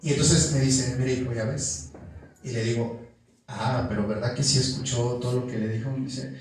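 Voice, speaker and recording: Mexican preacher in a very echoey church. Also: male voice, mid-range voice, steady tone, normal speed, slight background noise. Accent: Mexican Spanish. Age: young adult. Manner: storytelling, calls the congregation "hermano" constantly. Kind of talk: sermon. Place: church hall. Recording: echoey church room, mic at a distance.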